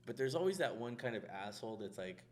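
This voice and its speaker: A man's voice: mid-range voice, expressive, fast, slight background noise. A man who is a contractor, co-hosting a podcast in casual chat, talking in a loose, rambling way. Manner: loose, rambling, full of "like" fillers.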